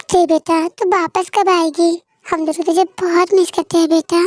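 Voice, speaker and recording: A woman's voice: extremely high pitch, level tone, normal speed, darkish tone, no echo. A woman voicing a doting, emotional middle-aged father who frets over his daughter in an amateur fan audio drama. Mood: fretful. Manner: fretful, emotional.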